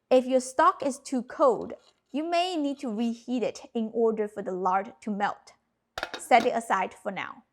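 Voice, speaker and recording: In a home kitchen, a cooking channel host in her thirties, whose first language is Cantonese, gives clear step-by-step instructions. Her voice is on the high side.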